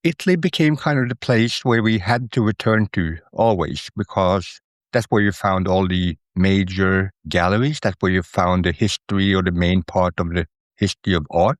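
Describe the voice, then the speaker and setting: A middle-aged man from Norway, an interview guest who speaks in a thoughtful, measured way with a few fillers. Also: fairly low pitch, no room sound, studio quality. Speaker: interview guest, Italian student. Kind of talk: conversational interview.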